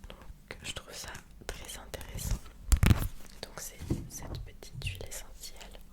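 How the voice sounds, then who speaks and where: An ASMR video creator with a cold and sore throat whispers softly and unhurriedly through a sponsored product read, gently presenting an unboxing of a sponsored box.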